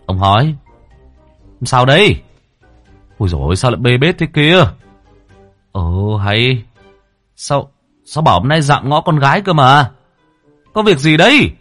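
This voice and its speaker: A man's voice: medium pitch, sing-song, measured pace, long pauses, a bit bright, dry recording, soft background music, pitched above the performer's own voice. A man voicing a curious young man asking questions. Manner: inquisitive questioning.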